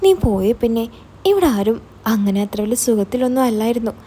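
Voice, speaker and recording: A woman's voice: on the high side, lively intonation, a little fast, warm tone, slight background noise, close to an everyday voice. A woman voicing a frank, worried young woman of the family. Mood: earnest. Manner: frank, earnest.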